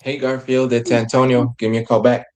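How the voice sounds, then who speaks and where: A man's voice: mid-range voice, little pitch movement, fairly quick. A man leaving a voicemail as a cold caller to property owners. He speaks briefly and directly.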